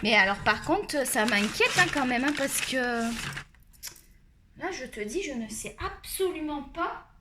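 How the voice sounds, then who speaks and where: A woman's voice: high-pitched, noisy background. A woman chatting at home as she shows off her art supplies, rambling and talking straight to her viewers. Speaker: art vlogger. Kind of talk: chatty product show-and-tell.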